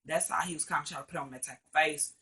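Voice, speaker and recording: A teenage vlogger from Arkansas rambles through a casual storytime, peppering it with "or whatever" and cursing. His voice is on the high side, quick, and sharp-toned.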